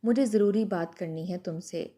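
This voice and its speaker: A man's voice: sits high, warm tone. A woman voicing a deceitful young man who coaxes his lover in a storybook tale. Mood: coaxing. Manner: coaxing.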